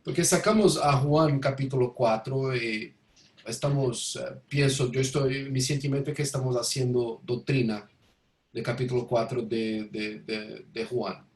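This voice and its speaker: Halting non-native Spanish speaker, echoey man. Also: medium pitch, fairly even intonation, darkish tone, distant mic. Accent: non-native Spanish, Portuguese-influenced. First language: not Spanish. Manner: halting, searching for words. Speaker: student in an online class. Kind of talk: hesitant class discussion. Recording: roomy, echoey voice pickup.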